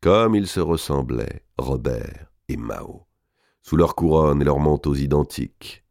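A man's voice: rumbling low, lively intonation, unhurried, vocal fry, a little mellow, no echo, studio quality. A man narrating a historical novel as an audiobook, reading expressively and dramatically.

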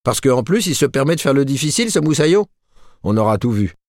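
A man's voice: sits low, fairly quick, a little mellow, no echo, clean studio sound. A man voicing a cold, vindictive middle-aged shopkeeper husband who hammers every word. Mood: cold, scolding.

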